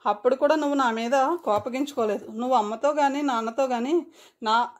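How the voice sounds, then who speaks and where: A woman's voice: high voice, a little fast, lightly acted. A woman voicing a troubled young man pleading with his older sister in an audiobook reading. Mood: earnest pleading.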